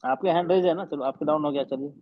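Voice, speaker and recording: A man teaches an online class in a fairly high voice, explaining patiently and going over each point again. He slips English phrases into his talk. The sound is muffled, as over a video call. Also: fast talker. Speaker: tajweed teacher.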